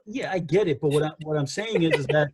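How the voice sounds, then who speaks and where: A man's voice: a little high, quick pace, a little mellow, breathy edge, low-quality recording. A man co-hosting a wrestling podcast, talking in a casual debate with many restarts and acted-out quotes.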